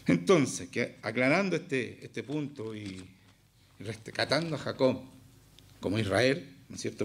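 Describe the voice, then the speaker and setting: A man's voice: fairly low pitch, gravelly, breathy edge. A man with a Chilean accent preaching a sermon as pastor, emphatic and often firing questions at the congregation. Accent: Chilean Spanish.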